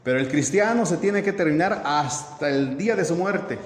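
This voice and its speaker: Male pastor, higher voice, conversational sermon, reverberant hall with faint hiss. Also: animated, moderate pace. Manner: asks the congregation questions, acts out dialogues. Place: church hall.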